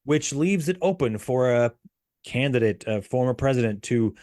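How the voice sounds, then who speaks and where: A man's voice: mid-range voice, animated, moderate pace, darkish tone, dry recording, clean studio sound. A man co-hosting a political podcast, explaining things patiently with frequent fillers and restarts. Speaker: podcast co-host. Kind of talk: casual political chat.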